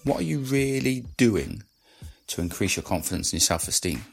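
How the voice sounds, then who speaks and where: A man with a croaky morning voice, talking casually and conversationally as a solo podcast host. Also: fairly low pitch, big pitch swings, normal speed, faint music behind. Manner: conversational, rhetorical questions.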